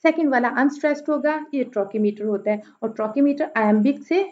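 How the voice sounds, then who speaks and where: A woman, a literature teacher lecturing slowly, repeating each example and stressing single words. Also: high-pitched, highs cut off. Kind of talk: lecture in Urdu mixed with English.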